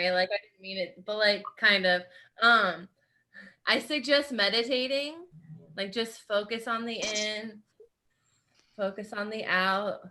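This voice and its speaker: A woman's voice: mid-range voice, pushed and bright. An American woman from Nebraska doing a bubbly, giggly stand-up set. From United States, Nebraska. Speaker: stand-up comedian.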